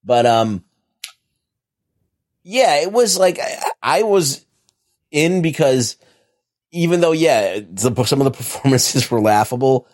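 A laid-back American man co-hosting a podcast, talking in loose, rambling sentences with plenty of casual swearing. His voice sits at an ordinary middle pitch. He sounds relaxed and chatty. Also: takes it slowly, pauses often. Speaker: podcast co-host. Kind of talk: casual chat.

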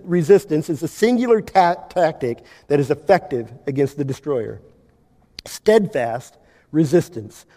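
A male pastor giving a sermon, preaching with emphasis and big swings between loud and quiet. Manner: emphatic preaching, wide swings in pitch and loudness. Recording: long hall reverb.

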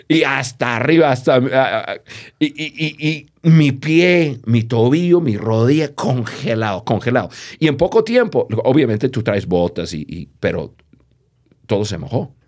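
A man, a podcast guest, telling a childhood story in conversation, animated and full of restarts. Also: medium pitch, unhurried. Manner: animated, lively, with many restarts.

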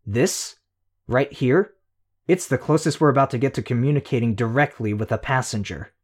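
A man reading a story aloud, voicing a sharp-tongued young woman who taunts a monster in a heated, needling way. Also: mid-range voice, normal speed, slightly rough, lightly acted. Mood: intense explaining. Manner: heated, needling, rising to near shouts.

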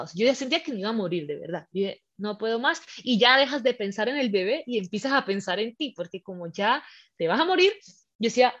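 A woman telling a personal story in casual chat, animated and acting out the scenes with her voice. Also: fairly high pitch. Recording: slightly muffled lo-fi recording.

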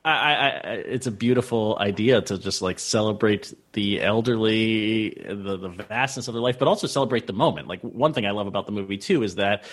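A man with a somewhat low voice chats about a film on a podcast. He is eager and rambling, full of "like" and restarts. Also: fairly quick, hardly any pauses. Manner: enthusiastic, rambling, animated. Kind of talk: casual film discussion.

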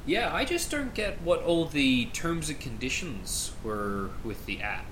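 A man's voice: a little high, sing-song, unhurried. A man playing a baffled caller on a video call, mumbling complaints about a new app in an improvised comedy sketch.

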